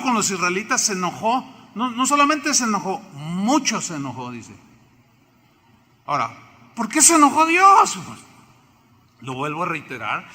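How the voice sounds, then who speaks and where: A man's voice: high voice, bright, forceful tone. A man with a Mexican accent preaching a sermon in a church, emphatic and full of rhetorical questions to the congregation. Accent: Mexican Spanish. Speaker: pastor. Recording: reverberant church hall.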